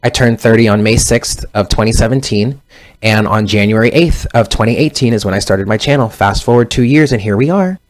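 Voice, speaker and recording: A man's voice: lowish voice, brisk. 30s guy doing a tarot reading, chatty and rambly, keeps restarting his sentences. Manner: rambling, self-correcting, conversational. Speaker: tarot reader. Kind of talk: casual tarot reading monologue.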